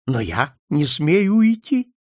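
A man's voice: animated, normal speed, gravelly, fairly bright tone, dry recording, studio quality, full character voice. A man voicing a frail, paranoid old man who is terrified and suspicious of everyone, in an audiobook reading. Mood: fearful. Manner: shrill, pleading, frantic.

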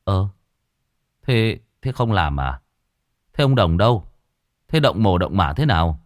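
A man's voice: low-pitched, big pitch swings, measured pace, no room sound, clean studio sound. Man doing a plain, weary young villager.

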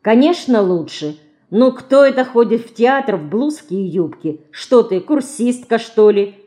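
A woman's voice: a little high, lively intonation, moderate pace, voice pushed up, lightly acted. A woman voicing a practical, decisive aunt who speaks firmly and sharply in an audiobook. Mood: scolding. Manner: firm, sharp-tongued.

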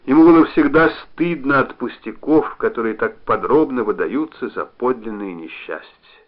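A man's voice: medium pitch, expressive, moderate pace. Man reading a novel aloud. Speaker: narrator. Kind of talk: literary audiobook reading. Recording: dull lo-fi recording.

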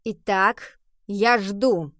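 A woman voicing a bold young female cat who questions others in a loud, demanding way. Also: mid-range voice, drawn-out words, no echo, clean studio sound.

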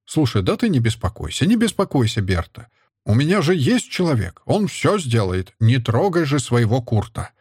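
A man reading aloud, voicing a jovial middle-aged soldier uncle who teases his young nephew in a hearty, lively way. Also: mid-range voice, normal speed, breathy edge, no echo, clean studio sound. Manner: hearty, teasing.

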